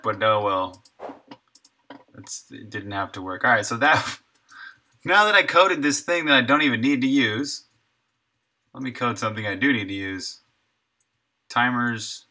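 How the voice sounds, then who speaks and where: Seated at a desk in an indoor room, a middle-aged man streams his coding work and muses aloud in brief, relaxed fragments. He is a game developer and live streamer, and his lowish voice sounds bright and forceful.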